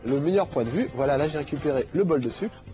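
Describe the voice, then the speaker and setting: A game show host talks casually over gameplay at a quick pace, his voice on the high side, mellow, and lively in intonation. He's chatty and jokey, packing in lots of fillers, and sounds slightly nasal from a head cold. The sound is lo-fi, with faint music behind him.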